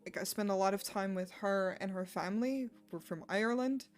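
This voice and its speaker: A Dutch woman from the Netherlands streams while she works, chatting casually in a fairly quick, mid-range voice over soft background music. She laughs often and swears offhand.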